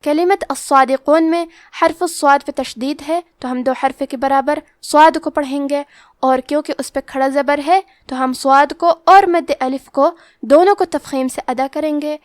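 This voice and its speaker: A woman with a high voice gives a methodical recitation lesson, going through each rule in careful steps. The recording is close and dry, with no room sound. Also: fairly even intonation, no echo. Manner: methodical, step-by-step explanation with drawn-out recited words. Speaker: Quran recitation teacher. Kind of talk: tajweed lesson, explaining rules then reciting slowly.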